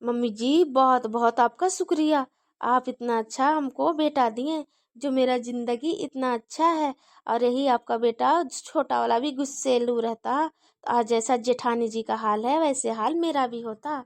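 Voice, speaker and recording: A woman's voice: on the high side, unhurried, no room sound. A woman voicing a chatty, earnest young daughter-in-law in a cartoon story.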